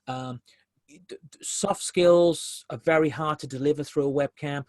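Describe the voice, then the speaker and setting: A man's voice: on the high side, fairly even intonation, unhurried, darkish tone, no echo. Man presenting a business webinar. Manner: conversational, repeats key phrases for emphasis.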